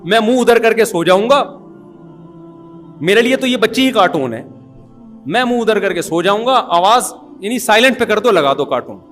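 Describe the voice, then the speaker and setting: Casual: high-voiced middle-aged guy, chuckling as he tells a family story, light music under it. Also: animated, normal speed, long pauses, a bit bright. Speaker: father telling a family story. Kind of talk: humorous anecdotal talk.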